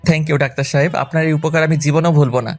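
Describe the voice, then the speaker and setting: A man's voice: on the high side, fairly even intonation, faint music behind, close to an everyday voice. A man playing a young husband who pleads at his wife's hospital bedside, speaking emotionally in an audio drama. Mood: anxious. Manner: emotional, pleading, rapid speech.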